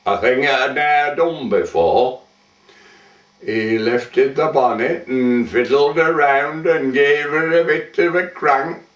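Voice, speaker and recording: A man reciting a comic verse monologue in a slow, measured telling. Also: mid-range voice. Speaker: monologue performer. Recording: roomy, distant, muffled.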